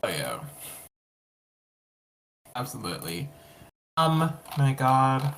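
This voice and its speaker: An interview host with a mid-range voice who talks in an excitable, loose way. The speech is scattered with "like" and "um" fillers. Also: medium pitch, slow pace, a little hiss or hum. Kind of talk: casual interview chat.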